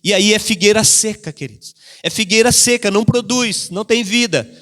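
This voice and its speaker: A man's voice: sits high, fairly quick, a bit bright. A man pastor preaching a sermon in a church, repeating key phrases and briefly acting out the voices of the people he quotes. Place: church hall. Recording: long church reverb.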